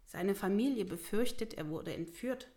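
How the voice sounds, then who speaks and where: A woman doing a bulky bearded mayor from a fantasy story, formal and a bit pompous, uneasy but insistent, lifted in pitch above her plain reading voice. Storybook character read aloud, never fully out of her own voice. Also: lively intonation, moderate pace, warm tone, natural voice. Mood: formal pleading. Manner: formal, pleading, huffy. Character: burly bearded male village mayor, stiff and uneasy.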